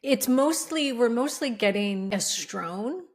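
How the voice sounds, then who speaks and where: A woman's voice: fairly high pitch, expressive, slow pace. A middle-aged woman, a guest hormone expert, explaining things emphatically in a podcast interview and often asking rhetorical questions.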